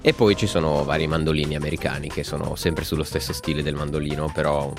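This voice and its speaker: Male musician guest, deep register, informal explainer who hesitates and hunts for the right word. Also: fairly even intonation, music in the background. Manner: halting, searching for words. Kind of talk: casual explanatory chat.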